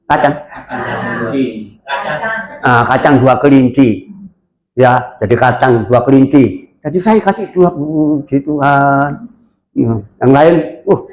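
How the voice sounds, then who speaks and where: A man preaching a lively sermon, telling stories and asking the congregation questions. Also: medium pitch. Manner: animated storytelling, asks the congregation questions. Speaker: pastor. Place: church hall. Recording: echoey church hall.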